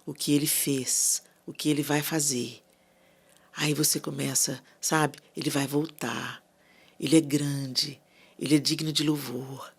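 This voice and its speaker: A woman speaking as a podcast guest, talking about faith in an animated, conversational way and often checking in with her listeners. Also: low-pitched, unhurried, breathy edge. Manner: animated, repetitive, asks listeners "né?" and "entendeu?". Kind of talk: casual faith talk on a podcast.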